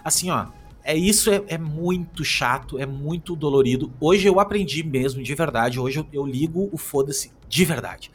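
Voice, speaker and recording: A man from Brazil, co-hosting a casual talk show in a relaxed, slangy, emphatic way. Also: a little high, normal speed, faint music behind. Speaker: podcast co-host. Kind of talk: casual chat.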